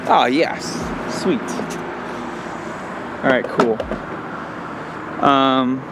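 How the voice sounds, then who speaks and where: A man's voice: medium pitch, background noise. Easygoing Southern man in a car. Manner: relaxed, chatty, thinks aloud. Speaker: vlogger driving an electric car. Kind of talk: casual road trip vlog chat. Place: inside a car.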